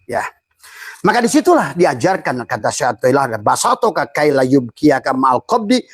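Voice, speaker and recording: Husky man preaching. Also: medium pitch, no echo. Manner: emphatic, chanting Arabic verses, parallel rising phrases. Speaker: Islamic teacher. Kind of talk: sermon.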